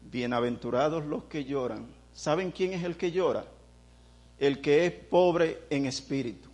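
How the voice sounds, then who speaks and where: A male preacher giving an impassioned sermon, swelling into loud prayers and putting rhetorical questions to the congregation. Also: a little high, measured pace.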